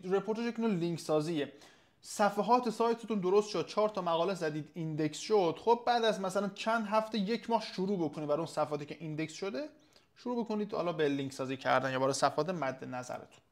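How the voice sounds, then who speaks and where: A man with a fairly high-pitched voice hosts a live webinar Q&A. He reads out audience questions and answers them off the cuff in a casual tone, with plenty of hesitations. He sounds like a consultant explaining things to his viewers. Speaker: webinar host and SEO consultant.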